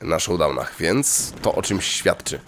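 A young man talks through his game run in a loose, chatty way, his pitch swinging widely as he reacts. He gets excitable and jumps into high yelps when something goes his way. Faint music plays behind him. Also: unhurried. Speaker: let's play gamer. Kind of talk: casual gameplay commentary.

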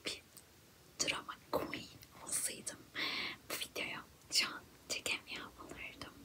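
A young woman performs a whispered role-play in a quiet, late-night hush. She acts out a smug, self-absorbed ASMR girl, full of self-praise and theatrical grumbling, all in breath with no voiced tone. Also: lightly acted, low-quality recording. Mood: self-admiring. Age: young adult. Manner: self-admiring, theatrically complaining. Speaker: ASMR creator. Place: small indoor room.

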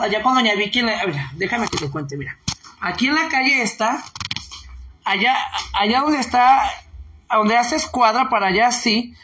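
A woman's voice: a little high, a bit bright. A Mexican woman streaming live, rambling playfully through viewer comments with crude slang and giggles. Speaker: online streamer. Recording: roomy echo.

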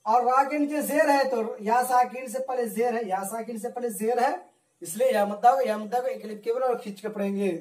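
A male religious studies teacher giving a recorded lesson, slowly drilling rules with repeated questions and answers. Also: very high voice, fairly even intonation, darkish tone, roomy sound, poor audio. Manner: slow, repetitive drilling with call-and-response questions.

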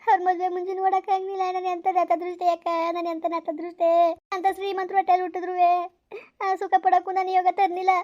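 A woman's voice: very high-pitched, monotone, fast, mellow. A woman voicing the grieving spirit of a dead village mother in a skit, lamenting and tearful. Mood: sorrowful. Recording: dull lo-fi recording.

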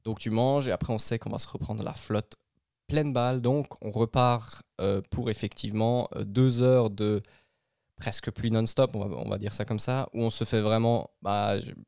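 A man's voice: on the low side, steady tone, normal speed, creaky, darkish tone, clean tone, no room sound, clean studio sound. A man with a Swiss French accent hosting a casual solo podcast, rambling and chatty with many restarts. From Switzerland. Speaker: podcast host.

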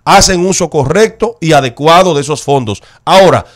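Dominican guy on a talk show, kinda high voice, pushes his point hard and repeats stuff. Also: expressive, normal speed. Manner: emphatic, repeats points for stress. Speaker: show co-host. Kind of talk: opinionated talk-show commentary.

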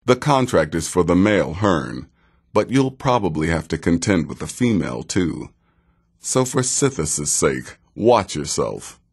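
Nazir, a very deep, gravelly assassin. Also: male voice, very animated, full character voice. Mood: measured, grave. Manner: dry, sardonic, measured, theatrical. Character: sardonic, deadly middle-aged male desert assassin from a fantasy realm. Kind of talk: fantasy video game character dialogue.

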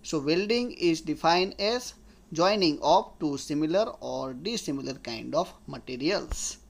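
A man's voice: fairly high pitch, lively intonation, unhurried, gravelly. A man, giving a slide lecture as an engineering tutor and explaining step by step while restating his points. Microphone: voice-over on slides.

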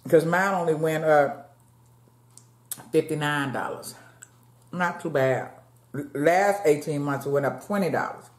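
Sitting at a table in a dim room at home, a chatty woman in her late fifties hosts a mukbang, eating between words and calling her viewers y'all. Her deep voice moves at a measured pace with frequent pauses, and the fixed camera across the table records an echoey room.

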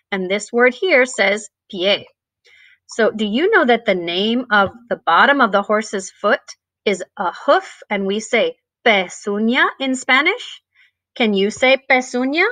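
Bright, slow-talking woman music teacher. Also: fairly high pitch, no echo. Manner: switches between English and Spanish, slow and clear for young children; sings and chants rhythm words. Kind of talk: bilingual children's music lesson.

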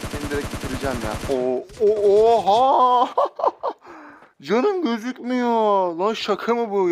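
A young man giving lively, joking commentary while playing a mobile shooter, talking back at his in-game enemies. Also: fairly high pitch, slight background noise. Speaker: gaming YouTuber. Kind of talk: live gameplay commentary.

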